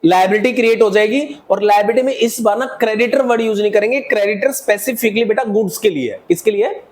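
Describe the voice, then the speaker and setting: A male accountancy teacher lectures a class in a high-pitched voice at a quick pace. He questions his students and answers himself, calls them "beta," and mixes English accounting terms into his speech.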